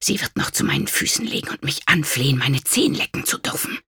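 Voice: big pitch swings, normal speed, no echo, clean studio sound. A narrator voicing a cruel, scheming noble lady who whispers in rage and snaps shrilly at her husband. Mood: seething whisper. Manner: hissing whispers and shrill outbursts.

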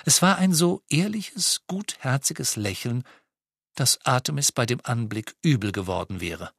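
A male audiobook narrator reads with expressive storytelling, his voice at a middle pitch. The intonation rises and falls vividly, and the recording is close and completely dry. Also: measured pace, creaky, husky, no echo. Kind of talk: scripted narration.

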